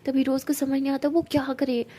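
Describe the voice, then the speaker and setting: High-voiced woman telling a love story. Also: level tone, fairly quick, mellow. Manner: chatty, mixing in English words, playing both parts. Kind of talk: casual storytelling narration.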